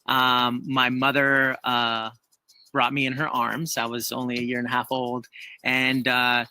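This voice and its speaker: A man from El Salvador talks through his story in an interview, pausing often on fillers as he searches for words. His voice is bright and clear, set at an ordinary middle pitch. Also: completely flat delivery, rough recording. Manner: hesitant, many fillers, heartfelt. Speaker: guest, trail runner. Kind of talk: conversational interview.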